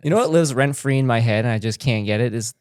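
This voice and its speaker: A man's voice: medium pitch, fast, a little mellow, clear, resonant tone, dry recording, studio quality. A man hosting a podcast, chatting eagerly and laughing often with his guests. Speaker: podcast host. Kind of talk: casual chat.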